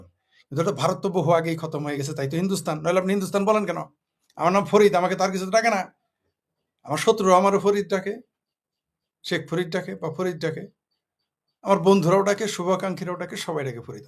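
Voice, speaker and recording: High-voiced combative Bangladeshi man. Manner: combative, rhetorical questions, scornful. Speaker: political commentator. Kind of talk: heated political monologue.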